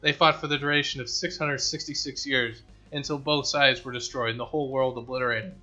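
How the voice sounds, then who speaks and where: A man voicing a wise, formal cyborg dwarf companion who explains lore in a measured way. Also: mid-range voice, steady tone, sharp tone, dull audio, faint music behind. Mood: calm. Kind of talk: reading game dialogue aloud.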